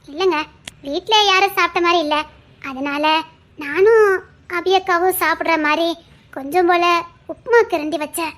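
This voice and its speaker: A woman's voice: very high voice, moderate pace, pauses often, a bit bright. A woman acting a frightened young wife who pleads tearfully with her husband in a family drama. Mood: worried.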